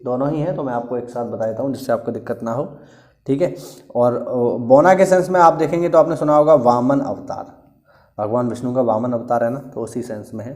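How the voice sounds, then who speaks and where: A man's voice: mid-range voice, a little mellow. A man teaching an exam-prep lecture, explaining patiently and repeating key words for emphasis. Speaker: Hindi teacher.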